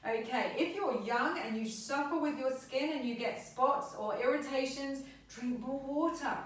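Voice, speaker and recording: A chatty woman with a high voice gives emphatic health advice, repeating her points. She is heard from a distance in a very echoey room. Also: measured pace. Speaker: back pain therapist. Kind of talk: informal health talk to camera.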